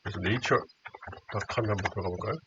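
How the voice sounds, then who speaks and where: A man's voice: lowish voice, rapid-fire, a bit bright. A man teaching through a screen recording, who keeps asking the listener rhetorical questions and repeats his key points. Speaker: instructor. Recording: dull lo-fi audio with faint hiss.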